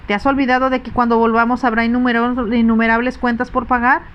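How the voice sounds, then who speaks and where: A woman voicing an anxious, sensible young stepdaughter, pleading earnestly in a soft, whispered role-play audiobook reading. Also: a little high, normal speed, highs cut off, lightly acted.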